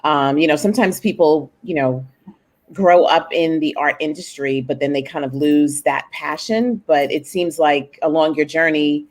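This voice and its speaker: Host, woman, casual talk show, lowish pitch, from queens new york. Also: moderate pace. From Rosedale, Queens, New York. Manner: interviewer asking long, winding questions. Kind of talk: casual chat.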